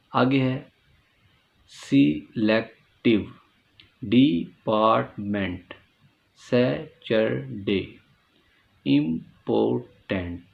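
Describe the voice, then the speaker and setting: Urdu-speaking male English teacher, gravelly voice, slow and deliberate, lo-fi recording. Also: mid-range voice. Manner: slow, drawn-out word pronunciation with repeated rhetorical questions. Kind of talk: classroom-style explanation.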